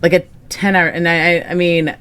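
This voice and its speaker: A woman's voice: fairly low pitch, flat delivery, fairly quick, a bit bright, clean tone. A young woman co-hosting a casual podcast chat, rambling with lots of fillers and frequent laughs. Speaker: podcast co-host.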